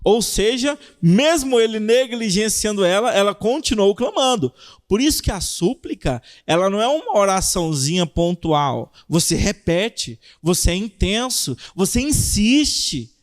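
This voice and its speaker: A young man with a Brazilian Portuguese accent preaching a youth sermon, animated, acting out cries and prayers as he teaches. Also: high-pitched, a little slow.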